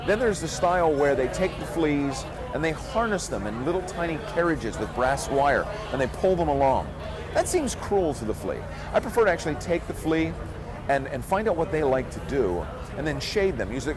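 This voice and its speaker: A flea circus showman gives earnest, reflective answers in a casual interview recorded outdoors amid crowd chatter and street noise, with music in the background. He speaks at normal speed in a mid-range voice with big pitch swings.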